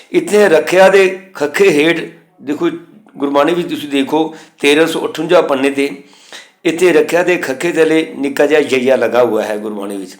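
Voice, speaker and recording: A man teaching scripture pronunciation, slowly reciting verse lines and then explaining them plainly. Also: a little high. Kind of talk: instructional lesson. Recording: echoey room.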